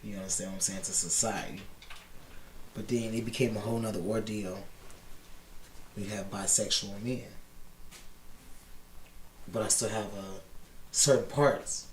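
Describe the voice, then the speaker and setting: A man in his thirties from Chicago, a podcast guest talking candidly in a relaxed interview. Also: lowish voice, measured pace, pauses often, reverberant, a little hiss or hum. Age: 30s. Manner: candid and animated, often says "you know what I'm saying". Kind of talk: casual interview talk.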